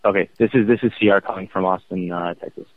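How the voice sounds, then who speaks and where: A man in his thirties calling a radio show over a phone line, earnest and halting, with many restarts. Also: low-pitched, steady tone. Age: 30s. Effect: phone-line call-in audio. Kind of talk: casual call-in chat. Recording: tinny phone line, dry.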